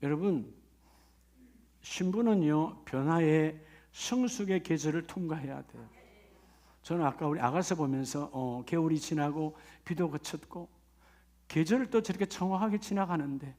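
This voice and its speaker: A man's voice: fairly high pitch, warm tone. A middle-aged male pastor, preaching a sermon with rising exclamations and questions to the congregation. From Gyeongsang Province, Korea.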